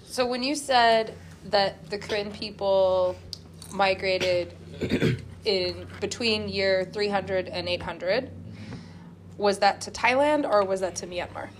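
A woman's voice: medium pitch, slow, slight background noise. A woman leading a casual discussion, asking follow-up questions. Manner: inquisitive, asks follow-up questions.

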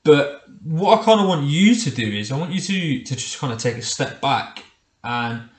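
A man's voice: on the high side, animated, moderate pace. A middle-aged man hosting a casual solo podcast, talking conversationally and putting questions straight to the listener, recorded in a home kitchen. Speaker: podcast host. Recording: echoey, roomy kitchen sound.

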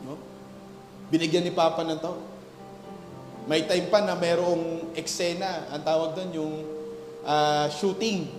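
A man's voice: a little high, level tone, measured pace, long pauses. A pastor preaching a sermon, telling a story of his childhood and rising into emphatic preaching, mixing English into Tagalog. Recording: echoey hall with faint music.

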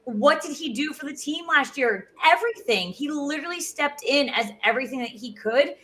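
A woman's voice: sits high, lively intonation, moderate pace, bright, forceful tone, a little hiss or hum. A woman hosting a sports show, leading a ranked countdown in informal, emphatic conversation. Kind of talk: casual sports countdown chat, leading the rankings.

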